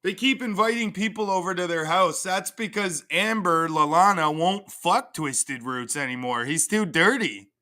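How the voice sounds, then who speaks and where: A man's voice: high voice, moderate pace, few pauses, pushed and bright. A man hosting a livestream, crudely and profanely mocking in a casual rant. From Canada. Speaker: livestream host.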